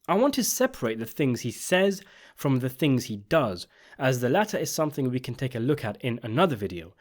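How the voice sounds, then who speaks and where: A man with a mid-range voice speaks a little fast, his pitch swinging widely. He's a video essayist and channel host delivering scripted commentary on a TV series, emphatic and full of opinions.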